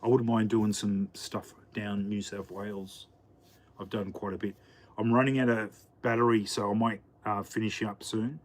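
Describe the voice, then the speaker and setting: A man chatting casually on a live stream, rambling and halting with lots of fillers. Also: lowish voice, little pitch movement. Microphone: camera mic.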